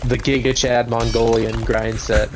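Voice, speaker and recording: A man's voice: medium pitch, little pitch movement, measured pace, background noise. A man joking around in a casual game stream chat, laughing a lot. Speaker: co-host streamer. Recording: music playing behind.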